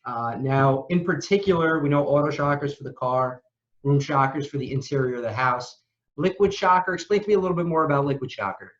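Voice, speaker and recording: A man hosting an interview, upbeat and quick to affirm his guest. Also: on the high side, lo-fi sound. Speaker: interview host.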